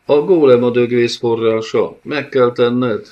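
A man's voice: medium pitch, steady tone, pitched above the performer's own voice, lightly acted. A man reading an audiobook, voicing a desperate young woman who pleads urgently with the hero, on a dull lo-fi recording. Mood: pleading.

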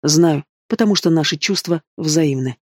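A man's voice: fairly high pitch, normal speed, no room sound, studio quality, natural voice. A man voicing a cold, commanding male dragon ruler in an audiobook, speaking in an icy tone. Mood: low intense.

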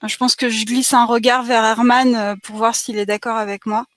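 A woman with a fairly high voice plays a tabletop role-playing game. She talks casually and tentatively, close and dry on the mic. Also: level tone, moderate pace, no room sound. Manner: tentative, hesitant.

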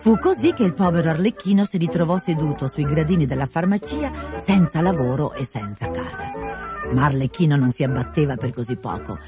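A man narrating a fairy tale in an expressive storytelling manner. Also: on the high side, fairly quick, over music.

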